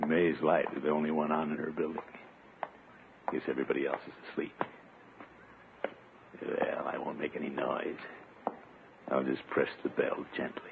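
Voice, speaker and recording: An actor playing a pompous, impulsive middle-aged bachelor uncle with blustery, theatrical delivery in 1950s radio comedy style. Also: male voice, a bass voice, monotone, moderate pace, gravelly, long pauses, phone-quality sound. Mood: sneaky. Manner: blustery, theatrical, talks to himself. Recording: noisy, band-limited 1950s radio recording.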